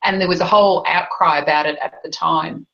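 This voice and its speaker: Aussie woman on a panel, kinda low voice, dull muffled sound, pretty fired up. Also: fairly even intonation, brisk, a bit bright. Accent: Australian. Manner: emphatic, indignant. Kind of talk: panel discussion.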